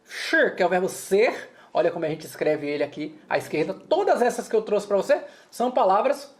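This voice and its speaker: A woman's voice: mid-range voice, animated, a little fast, darkish tone. Chatty Brazilian woman teaching Chinese. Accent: Brazilian Portuguese. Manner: explanatory, chatty, keeps checking in with listeners. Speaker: Mandarin teacher. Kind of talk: co-taught language lesson.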